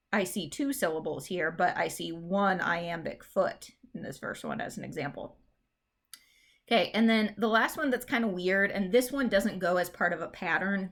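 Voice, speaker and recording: A woman teacher giving a classroom lecture, explaining step by step in a chatty way with lots of fillers. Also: mid-range voice.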